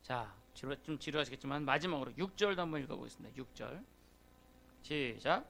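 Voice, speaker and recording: A man's voice: mid-range voice, brisk, gravelly, fairly bright tone. A male pastor preaching a sermon in a church, talking conversationally and often calling out to the congregation. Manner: conversational preaching with frequent call-outs to the congregation. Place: church sanctuary.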